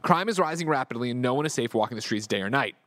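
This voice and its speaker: Casting: man doing horror trailer narrator, ominous and dramatic, gritty crime saga, fast delivery, close dry sound. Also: mid-range voice, lively intonation, a bit bright, dry recording, lightly acted.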